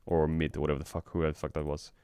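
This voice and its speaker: A man streaming in casual chat, frank and rambling, swearing often, with a flat delivery because he just woke up. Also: rapid-fire, clear, resonant tone, no echo, studio quality. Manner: flat, low-energy delivery. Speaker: streamer and esports team owner.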